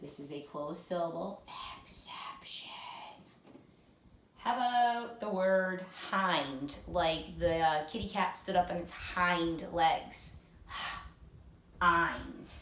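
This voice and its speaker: A woman leads a children's phonics lesson in a slow, clear, sing-song way and has the listener repeat each sound. Her voice sits a little low. The recording is roomy and echoey. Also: slight background noise. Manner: clear, sing-song drilling with echo repetitions. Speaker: teacher. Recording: echoey room.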